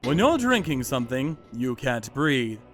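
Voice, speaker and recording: The same kind of role again: a man dubs a manga's cold, contemptuous vigilante, narrating his revenge in first person with acted dialogue in a menacing, mocking way. His mid-range voice is very animated yet a little slow and fairly bright, with faint music behind it.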